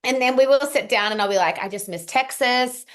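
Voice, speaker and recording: This young woman, a singer-songwriter being interviewed casually, speaks fairly quickly in a higher, fairly bright voice. Her accent blends Australian and American, and she is chatty, giving long run-on replies peppered with ums.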